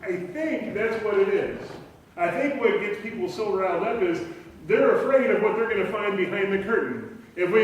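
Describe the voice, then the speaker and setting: A male pastor giving a conversational, story-driven sermon. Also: high-pitched. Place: church sanctuary. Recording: echoey church room from far off.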